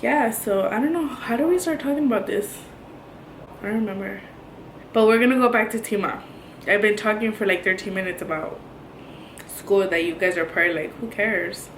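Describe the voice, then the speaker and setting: A woman's voice: mid-range voice, brisk. A young woman in her twenties chatting casually to camera as a beauty vlogger, rambling with many ums and likes. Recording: echoey room, faint noise.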